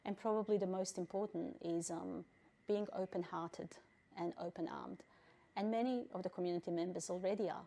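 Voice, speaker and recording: In an interview, the Bosnian refugee council president, a middle-aged woman, weighs her words carefully, often pausing and using fillers. Her pitch is fairly low and her tone steady, creaky, and dark.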